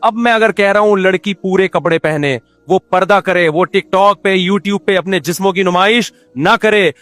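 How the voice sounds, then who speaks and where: Male preacher with a Pakistani Urdu accent, high voice, lively and questioning, dry close sound. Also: dry recording. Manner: lively, rhetorical questions, recites Quranic Arabic. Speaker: Islamic scholar giving a sermon. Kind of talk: sermon.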